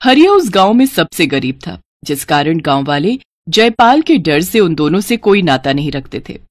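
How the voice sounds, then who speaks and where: A woman narrating a moral cartoon story in an expressive storytelling cadence. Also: fairly low pitch, normal speed, no echo, clean studio sound.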